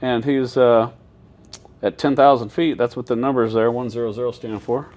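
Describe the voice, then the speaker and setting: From an airport control tower, a male controller gives a straightforward, casual explanation in stages, often asking if the listener follows. His mid-range voice is somewhat dark, moves little in pitch, and keeps a moderate pace.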